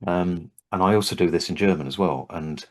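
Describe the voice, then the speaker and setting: An older man with a very deep, low voice, a Havening trainer and host who speaks English as his first language, talks about his training work in a relaxed, casual interview. A little fast, he is thoughtful and hesitant, often restarting sentences and thinking aloud, yet friendly in tone.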